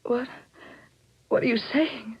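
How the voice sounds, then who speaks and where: A woman's voice: fairly high pitch, slow pace, slightly rough, exaggerated voice. An actress playing a proud, frightened married woman in an old-time radio thriller, with refined, theatrical diction. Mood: shaken, pleading. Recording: muffled, noisy old radio drama recording.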